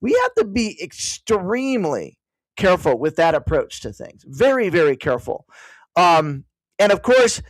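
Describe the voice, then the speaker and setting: Guy with a pretty high voice rambling through a political talk at home, lots of side notes. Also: huge pitch swings, normal speed, dry recording, low-quality recording. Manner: digressive, with frequent "by the way" asides; thinks aloud while searching online. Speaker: political candidate hosting a learning session. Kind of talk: casual explanatory talk to an online audience.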